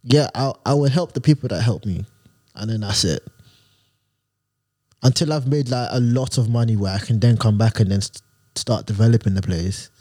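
A man's voice: fairly low pitch, moderate pace, dark tone. A young man with a London urban roadman accent, chatting bluntly and dismissively in street slang. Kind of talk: casual banter in street slang.

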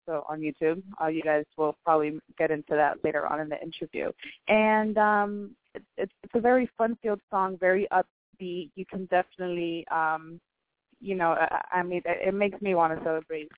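A mid-range voice with no room sound comes through a tinny, dry phone line as an interview host reads an intro and asks questions. It's a casual interview, delivered hesitantly with many fillers and restarts.

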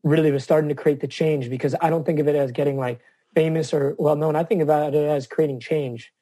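A man's voice: a little high, steady tone, brisk, mellow, no room sound. A man speaking as a guest on an interview podcast, earnest and reflective about advocacy. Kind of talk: casual interview chat.

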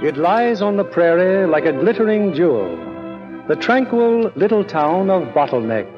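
An actor playing a grandiose, tongue-in-cheek narrator of a scripted radio western. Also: male voice, high voice, very animated, normal speed, music in the background. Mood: mock-idyllic. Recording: dull lo-fi vintage radio recording.

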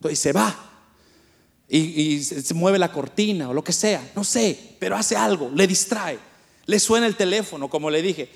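A man preaching a sermon to his congregation, addressing them as brothers and swinging between loud emphasis and hushed asides. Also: high voice, animated, moderate pace, gravelly.

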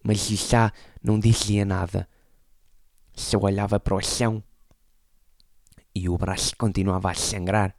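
A man, telling an absurd story deadpan as a stand-up comedian. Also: lowish voice, a little slow, gravelly, pauses often, no room sound, clean studio sound.

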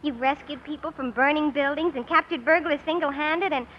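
Actress as smitten American bobby-soxer, high and theatrical, old radio play, lo-fi with faint noise. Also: female voice, fairly quick, natural voice. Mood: coy, admiring. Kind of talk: old-time radio drama acting. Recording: muffled, noisy old radio recording.

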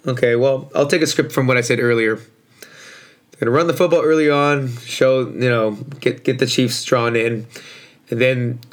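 A man hosting a casual sports podcast in slangy, informal talk, his voice hoarse and worn out as if from yelling. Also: medium pitch, fairly even intonation, normal speed. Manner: informal, slangy, mildly profane. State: hoarse, voice shot from overuse. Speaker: podcast host.

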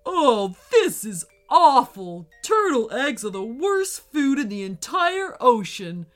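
A woman voicing a hungry, sneaky male sea monster in a children's story, shouting and drawing out his words. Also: fairly high pitch, sing-song, soft background music. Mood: disgusted. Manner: shouting, drawn-out.

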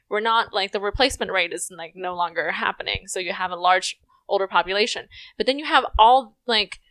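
A young woman born in Indonesia chats casually, her speech animated and full of "like" with the odd swear. Her voice is bright and forceful. The room sounds dry and close. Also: medium pitch, no room sound. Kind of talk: casual podcast chat.

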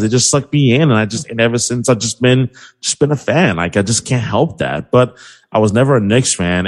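A young man from New City, chatting about sports in a rambling, trash-talking way full of fillers. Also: mid-range voice. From New York City. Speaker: podcast guest, sports broadcaster. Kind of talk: casual sports chat.

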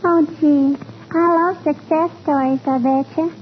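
A woman's voice: high-pitched, steady tone, unhurried. A woman playing an eager, chatty little neighbor girl who wheedles and repeats questions in an old radio comedy. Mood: eager, wheedling. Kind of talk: 1940s radio comedy acting. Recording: muffled, faintly noisy old radio recording.

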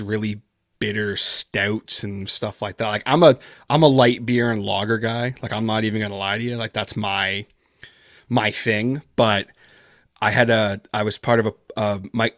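Man, low voice, rambling casual chat, lots of fillers, dry recording. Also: a bit bright, no echo. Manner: rambling, heavy on fillers like "like" and "kinda". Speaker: podcast guest, horror story writer. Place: based in Canada.

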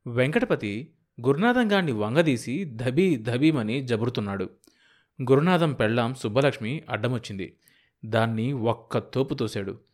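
A man narrating a novel aloud in an expressive, measured storytelling manner. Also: mid-range voice. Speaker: audiobook narrator. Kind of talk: dramatic novel reading.

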